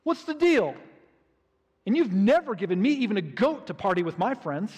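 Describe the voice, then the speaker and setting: A man's voice: high-pitched, big pitch swings, moderate pace, darkish tone, husky, voice pushed up, exaggerated voice. A man voicing a resentful young older brother who complains indignantly. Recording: reverberant hall.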